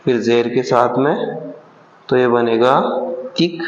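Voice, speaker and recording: A man's voice: medium pitch, slow pace, muffled recording. A man teaching letters patiently, sounding out each syllable and saying it again. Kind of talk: slow alphabet lesson. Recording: echoey room, long reverb.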